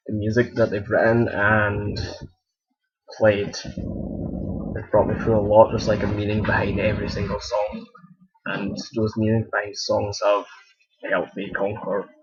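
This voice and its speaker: A young Scottish man with a lowish, breathy voice answers viewer questions in a casual chat, rambling and correcting himself as he goes. The audio is a dull, lo-fi home recording.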